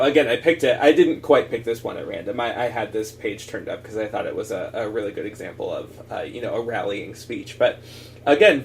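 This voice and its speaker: A man's voice: medium pitch, far from the mic, slight background noise. A man co-hosting a podcast, talking casually about books with restarts and fillers. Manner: reads a passage aloud expressively, then chats with many fillers and restarts. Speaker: podcast co-host. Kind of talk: casual book discussion.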